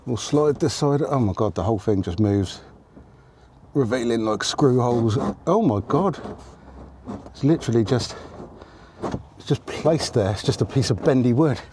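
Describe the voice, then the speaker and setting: Working on repairs in a motorhome, this middle-aged man from the UK vlogs casually, grumbling and muttering to himself. He speaks at medium pitch and a moderate pace, animated yet a little mellow, pausing often. A nearby camera mic picks him up in a noisy recording full of clicks.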